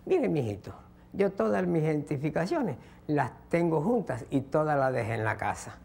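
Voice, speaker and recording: A man's voice: on the high side, big pitch swings, normal speed, vocal fry, darkish tone, heavily acted. A man voicing an elderly woman driver who pleads sweetly with a traffic officer. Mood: pleading. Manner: sweet, pleading, calls him mijito.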